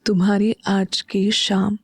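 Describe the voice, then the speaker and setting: Audio-story casting: a woman playing a teasing, tender young husband, slow and soft. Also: fairly even intonation, no room sound. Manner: soft, low, intimate murmuring.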